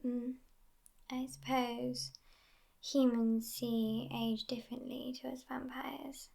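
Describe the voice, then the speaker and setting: In a soft-spoken ASMR roleplay, a woman plays a haughty, sassy vampire girlfriend who has lived for centuries yet sounds youthful. She speaks slowly and languidly, nearly whispering, in a heavily acted performance with a level tone. Her voice sits a little high and often slips into fry.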